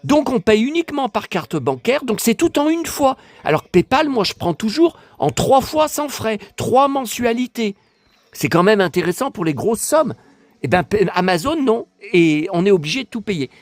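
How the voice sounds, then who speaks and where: A man casually vlogging about collector books, excitable and rambling, talking straight to his viewers. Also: sits high, normal speed, no room sound.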